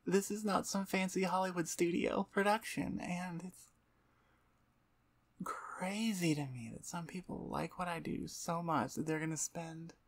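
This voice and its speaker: With a voice on the low side, fairly even intonation and an unhurried delivery, an ASMR performer closes out her channel with informal, self-deprecating rambling. She's sitting on the floor in front of a computer desk, close to a microphone roughly twelve inches away at eye level.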